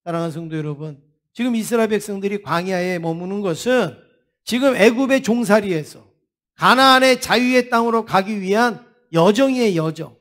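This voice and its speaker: A male senior pastor delivering a Sunday sermon from the pulpit, his voice set high for a man. He speaks earnestly, turns to the congregation with direct questions, and raises his voice to act out the people's pleading and complaints. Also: fairly bright tone. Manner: earnest preaching, asks the congregation questions, acts out the people's cries. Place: church sanctuary.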